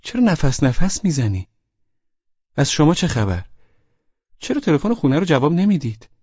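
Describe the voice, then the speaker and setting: Anxious middle-aged mother-in-law voiced by a man, raised pitch, dull audiobook sound. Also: big pitch swings, darkish tone, husky, no echo. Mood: worried. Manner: anxious probing questions.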